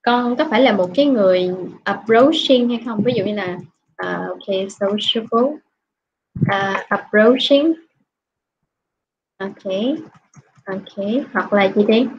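A woman's voice: medium pitch, measured pace, highs cut off. Vietnamese woman teacher coaching pronunciation. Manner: switches between English and Vietnamese, drills pronunciation. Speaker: English teacher. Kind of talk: correcting a student's speaking practice.

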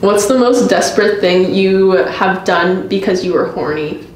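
A woman's voice: medium pitch, measured pace, darkish tone, recorded from a distance. A young woman as a guest in a casual drinking-game chat, blunt and laughing often. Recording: echoey room with faint noise.

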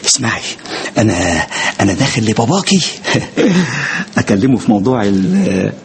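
An actor playing a doting, sentimental family-friend uncle in an Egyptian TV comedy, speaking with an Egyptian accent. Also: male voice, lowish voice, big pitch swings, normal speed, slightly rough, heavily acted. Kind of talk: TV comedy acting.

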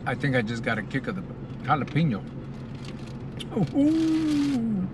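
A middle-aged American man reviews food to camera from inside a car, casual and savoring, talking between bites. His voice sits on the high side with huge pitch swings, at an unhurried pace. The car cabin's ambient noise is clearly audible.

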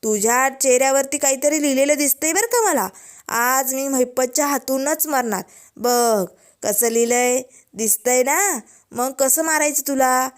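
A woman voicing a cruel male villain who taunts in a slow drawl. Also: high-pitched, clear, resonant tone. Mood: taunting.

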